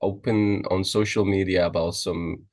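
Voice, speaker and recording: Young man, low voice. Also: normal speed. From Costa Rica. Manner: restarting, filler-heavy, lively. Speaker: podcast guest. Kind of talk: casual chat.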